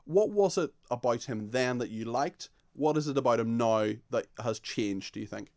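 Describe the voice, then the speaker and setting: A man's voice: medium pitch, animated, moderate pace, darkish tone, dry recording. A man in his thirties hosting a live radio phone-in, polite and often correcting himself, close on a studio microphone. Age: 30s. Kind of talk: live talk radio presenting. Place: small broadcast studio.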